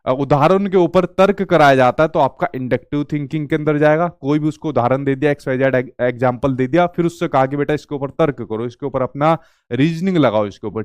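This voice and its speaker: Male teacher, clear smooth voice a bit high, close dry recording, question-and-answer lecture delivery. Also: a little mellow, dry recording. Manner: explains slowly, asks and answers own questions. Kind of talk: exam-prep lecture.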